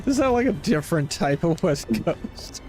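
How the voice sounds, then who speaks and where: With video game music in the background, a late-thirties American man from the West Coast talks casually during a game live stream, frequently distracted and musing aloud. He speaks at a normal pace in a somewhat high, darkish voice with big swings in pitch.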